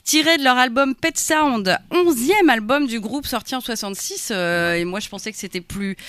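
A woman's voice: on the high side, fairly bright tone, dry recording, studio quality. A woman co-hosting a radio music show, chatting casually with lots of fillers and self-corrections. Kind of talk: casual on-air music chat.

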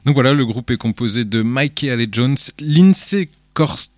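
A man's voice: medium pitch, animated, measured pace, no echo, clean studio sound. A man co-hosting a music radio show in casual chat, telling anecdotes and correcting himself as he goes. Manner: chatty, anecdotal, self-correcting. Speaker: radio co-host presenting music.

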